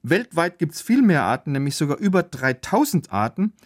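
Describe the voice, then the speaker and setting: A man as the biologist guest, calmly explaining facts in a podcast chat. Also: fairly high pitch, normal speed. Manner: patient, factual explainer.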